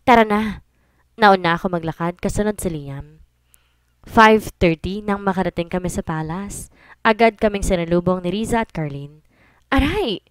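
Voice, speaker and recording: A woman narrating a romance story in first person, with steady storytelling and English phrases mixed in. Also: fairly low pitch, moderate pace, smooth, no echo. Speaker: audiobook narrator.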